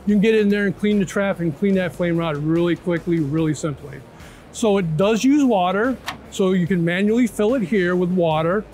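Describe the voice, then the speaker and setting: Set on a large indoor trade show floor with music underneath, this interview features a man in his fifties whose high, darkish voice guides the listener through a product step by step. He checks in regularly with "right?" and "okay?".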